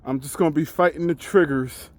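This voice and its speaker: A man in his forties speaks in a fairly high voice, candid and reflective, with a casual vlog feel. He works his thoughts out loud and restarts sentences as he goes. The sound is close and dry, with little room in it. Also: brisk, no room sound. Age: 40s. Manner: talks while out on a walk. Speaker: truck driver.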